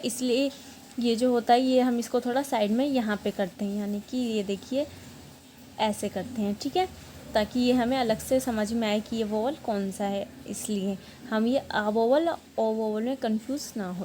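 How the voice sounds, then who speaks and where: A patient young woman gives an online language lesson, spelling out words syllable by syllable and repeating them slowly. Her voice sits a little high yet sounds mellow and soft-edged. A faint hiss of noise runs under the recording. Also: fairly even intonation. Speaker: Korean language teacher.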